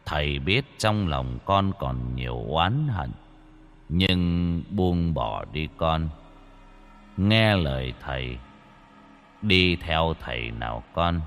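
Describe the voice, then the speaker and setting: A man voicing a gentle, merciful old Buddhist monk who murmurs softly and slowly. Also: deep voice, big pitch swings, faint music behind, exaggerated voice. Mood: soothing. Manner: soft, slow, murmuring.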